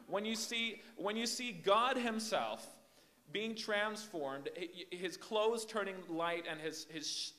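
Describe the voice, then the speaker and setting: A young man who grew up in Hong Kong and the Philippines gives an animated, emphatic youth sermon as an invited speaker, often repeating his words. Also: sits high.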